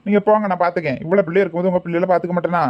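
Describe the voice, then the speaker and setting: A man playing a brisk, sharp-tongued kindergarten teacher. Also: sits high, fairly even intonation, close to an everyday voice. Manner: brisk, bossy, quick to threaten. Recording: dull lo-fi sound.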